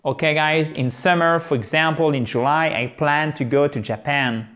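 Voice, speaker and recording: Slow, careful teacher man. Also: fairly high pitch, steady tone, a bit bright. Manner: explains slowly, repeats English words with careful stress. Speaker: English teacher. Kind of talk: video lesson.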